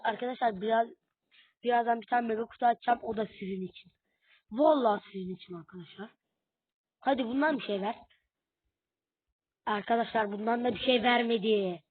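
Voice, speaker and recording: A woman's voice: on the high side, breathy edge, no echo. A young woman doing casual commentary while opening game boxes, talking straight to her viewers in a frustrated, exclaiming way. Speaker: gaming YouTuber. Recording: tinny phone-like audio, dry.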